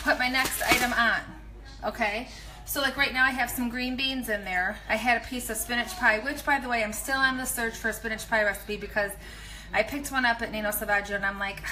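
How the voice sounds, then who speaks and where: Her voice fairly high and the audio poor, a pregnant woman in her thirties shares casual live-video meal prep tips from her kitchen. She's a nutrition coach, chatty and rambling with animated asides, holding the phone at arm's length.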